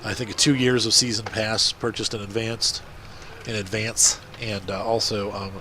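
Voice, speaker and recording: A man's voice: lowish voice, level tone, normal speed, bright, forceful tone, slight background noise. A man with a congested, blocked-up nose giving casual, rambling gameplay commentary as a video host. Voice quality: congested, blocked nose, nasal stuffy sound.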